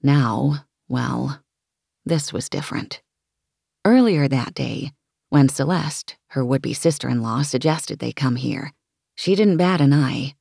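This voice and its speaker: A woman reading a novel aloud as an audiobook narrator, in a measured, expressive storytelling manner. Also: a bass voice, creaky, slightly rough, no echo, studio quality. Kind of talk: scripted fiction narration.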